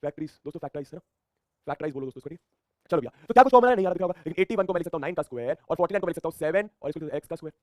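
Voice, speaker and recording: A man races through a math lesson, asking questions and answering them himself. His voice sits high for a man. The sound is close and dry, with no room around it. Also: racing, no echo. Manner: energetic, repeats phrases, asks and answers his own questions. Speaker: math teacher.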